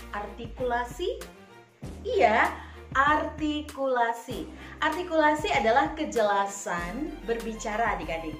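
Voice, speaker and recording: A woman teacher giving a lesson to children, speaking clearly and deliberately with lively expression. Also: fairly high pitch. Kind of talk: recorded online lesson for children. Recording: echoey room.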